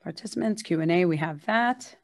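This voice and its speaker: A woman's voice: on the low side, brisk, gravelly, darkish tone. Friendly businesslike woman presenting online. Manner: businesslike, friendly, many fillers. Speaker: agency executive presenting a webinar. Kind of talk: casual presentation Q&A. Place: room with a production team.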